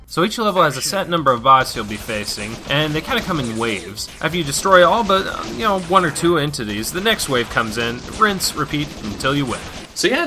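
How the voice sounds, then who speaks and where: A man's voice: mid-range voice, sharp tone. A man narrating a video game review with joking asides and playful commentary.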